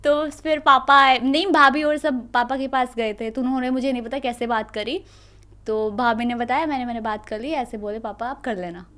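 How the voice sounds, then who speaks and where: A young woman in her twenties, a student guest, casually telling a lively story and acting out her family's words. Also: on the high side, normal speed. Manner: animated, laughing storyteller who acts out family dialogue.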